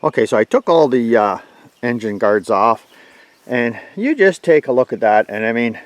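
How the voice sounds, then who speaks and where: A man's voice: mid-range voice, lively intonation, moderate pace, dry recording. A man giving a blunt, folksy, plainspoken walkaround review of his tractor outdoors. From Canada.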